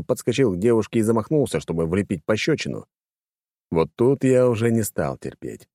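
A man narrating a first-person audiobook, expressive and wry. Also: on the low side, dry recording, clean studio sound.

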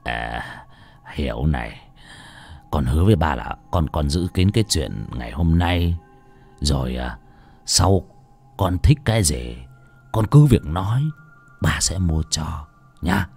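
A man's voice: deep voice, lively intonation, takes it slowly, vocal fry, long pauses, darkish tone, slightly rough, soft background music, pitched below the performer's own voice, exaggerated voice. A man voicing a brutal old village father who stammers and repeats his words. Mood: coaxing softly.

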